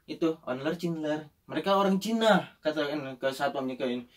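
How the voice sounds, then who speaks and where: Young man telling a lively story, far mic. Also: on the high side, brisk. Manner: animated storytelling, acts out quoted voices. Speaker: storyteller in a chat. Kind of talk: casual chat.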